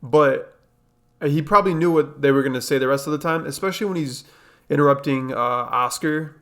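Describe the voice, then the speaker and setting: This time the young man's voice runs on the high side, bright and brisk, as he hosts a reaction video. His commentary is laid-back, packed with fillers and repetition.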